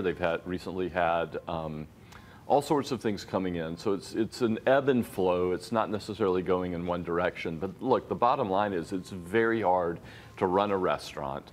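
A middle-aged man, a journalist guest, calmly explaining his reporting in a TV news studio interview. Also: low voice. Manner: measured, explanatory, paraphrasing sources. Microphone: lapel mic.

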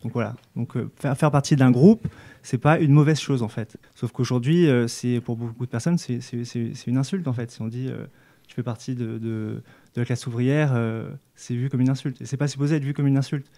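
Earnest man with a mellow voice. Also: mid-range voice, steady tone, fairly quick. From United States and France, raised in Montreal and New York. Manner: earnest, many restarts and fillers. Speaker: activist guest. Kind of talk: casual discussion. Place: small studio with brick wall. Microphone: handheld mic.

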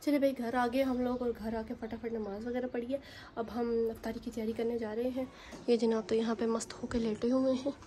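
A woman's voice: fairly high pitch, level tone, a little fast, mellow, slight background noise. A woman in her thirties vlogging casually with a sore throat, talking straight to viewers from home and on a shopping trip, on a handheld phone. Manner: chatty, talks straight to viewers. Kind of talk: casual vlog chat.

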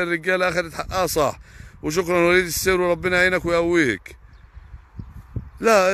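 A man's voice: high voice, a bit bright, a little hiss or hum. A young man with an Egyptian Arabic accent, a farmer on a live stream answering viewers' comments in a heated, indignant way with repeated oaths. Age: young adult.

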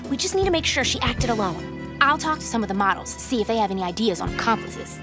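An actress plays a confident teen girl in a cartoon. She talks fast and decisively in a fairly high voice, with music underneath. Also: expressive, lightly acted. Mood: determined. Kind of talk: cartoon voice acting.

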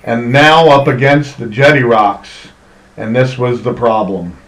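A middle-aged man narrates his fishing trips at an unhurried, easygoing pace. His voice sits in the middle register and carries a roomy echo around it. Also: mid-range voice, fairly bright tone. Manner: slow, easygoing storytelling. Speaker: fishing charter captain. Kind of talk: voice-over narration.

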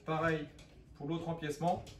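A man's voice: on the high side, level tone, normal speed. A man in his forties, hosting a home DIY video, explaining each step in a plain, matter-of-fact way. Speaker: DIY channel host. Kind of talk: casual step-by-step DIY narration. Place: home room by windows, indoors. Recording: echoey room, distant mic, background noise.

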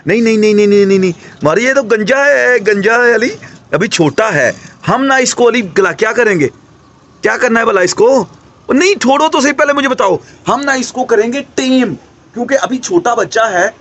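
A young man hosting a casual pet vlog at home, chatting excitedly and coaxing his animals. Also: extremely high pitch, normal speed, a little hiss or hum. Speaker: pet vlogger.

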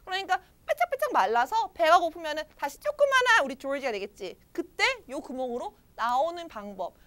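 A woman's voice: sits high, big pitch swings, fairly quick, fairly bright tone. A woman reading an English storybook aloud to children and explaining it, quizzing her young listeners in a sing-song way.

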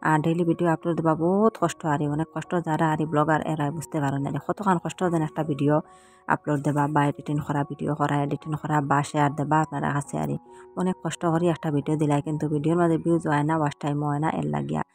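A woman's voice: deep voice, level tone, fast, creaky, a little mellow, faint music behind. A woman in her thirties with a Sylheti accent, talking casually and earnestly to her viewers in a village vlog. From Sylhet region, Bangladesh. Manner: pleading, earnest. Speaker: village lifestyle vlogger.

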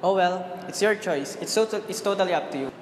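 A man's voice: high-pitched, brisk, close to an everyday voice. Teen boy playing a coaxing, scheming schoolboy, noisy. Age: teens. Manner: calculating, coaxing. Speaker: student bargaining with a friend. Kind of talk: student short film acting. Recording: loud background noise.

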